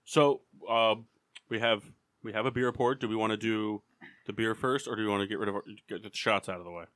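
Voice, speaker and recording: A man hosting a casual sports and beer podcast, running a trivia game in a halting, rambling way with lots of ums. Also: on the low side, steady tone, a bit bright. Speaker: podcast host. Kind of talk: casual drinking podcast chat.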